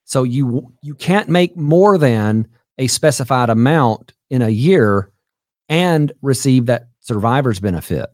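A man's voice: mid-range voice, animated, unhurried, darkish tone, no room sound, studio quality. A man hosting a call-in advice show, explaining things to callers in a patient, plain way. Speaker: host.

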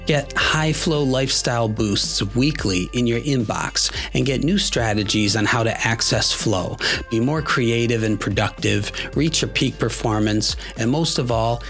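A man hosting a podcast, asking short interview questions in a steady delivery. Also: medium pitch. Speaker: podcast host. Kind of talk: interview questions and scripted plug.

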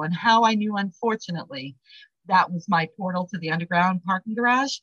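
Woman, medium, casual storyteller, animated, mid-pitched, dull dry recording. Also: no room sound. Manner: animated, acts out quoted dialogue.

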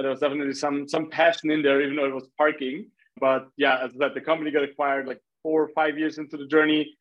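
An Austrian startup founder with an Austrian accent talks casually as a guest on a podcast interview. His voice sits in the mid-range, and the sound is lo-fi.

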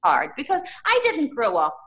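A middle-aged woman, a parenting coach, calmly and earnestly explaining in a podcast interview. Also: sits high, moderate pace. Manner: calm, earnest, speaks in gentle quoted phrases to children.

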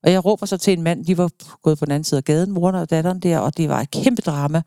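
A woman's voice: deep voice, vocal fry, warm tone, no echo, studio quality. A middle-aged woman, a podcast guest, telling personal stories earnestly in a casual conversation. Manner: earnest storytelling.

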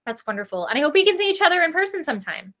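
With an extremely high pitch, big pitch swings, and a racing pace, this woman's fairly bright voice bubbles through a casual video-call podcast interview. She owns a princess party company and rambles effusively, with giggly asides.

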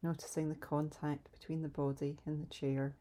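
A meditation guide leads a calm grounding exercise, her voice sitting low as she speaks softly and soothingly. She takes her time, pausing between each instruction.

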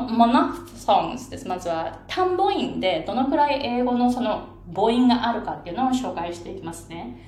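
A woman coach walks through a chart with patient, lively explanations, using plenty of fillers and slipping in English words. Her voice sits at a middle pitch and carries the ring of a roomy space with faint background noise. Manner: drops in English phrases.

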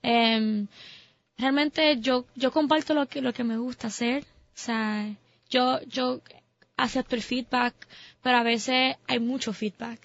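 Young adult woman, Puerto Rican accent, higher voice; casual, code-switching interview guest; dry, muffled recording. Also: steady tone, slow pace, dry recording. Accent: Puerto Rican Spanish. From Puerto Rico. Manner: mixes English phrases into Spanish, hesitant fillers. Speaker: content creator guest.

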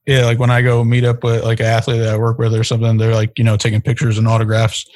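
A male guest talks quickly and casually, leaning on "like" between phrases. His delivery stays fairly flat and lowish, and the recording is dry and close. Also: dry recording. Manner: casual, heavy use of "like". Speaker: interview guest. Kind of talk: conversational interview.

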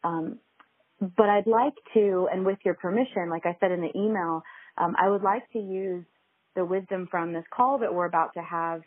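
A woman host talks through a tinny, phone-like low-quality recording, hesitant and rambling with frequent ums and restarts. Her voice sits somewhat low and sounds a little husky. The sound is dry, with no room around it. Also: moderate pace, no echo. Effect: low-quality recording made over a phone. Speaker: podcast host. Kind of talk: conversational interview.

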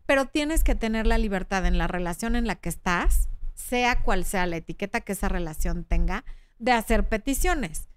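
A woman's voice: medium pitch, expressive, moderate pace, clear, resonant tone, no echo. A woman in her thirties with a Mexican Spanish accent, hosting a frank, chatty relationship advice talk and reading out viewer comments. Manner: frank, chatty, acts out quoted voices.

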